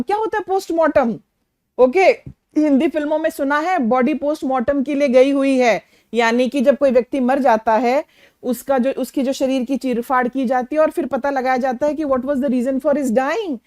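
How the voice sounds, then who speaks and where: Woman, high voice, vocabulary teacher, quizzing students, mixes two languages, slows down to spell words. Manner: asks students questions and often checks with "okay" and "clear". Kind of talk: Hinglish classroom lesson.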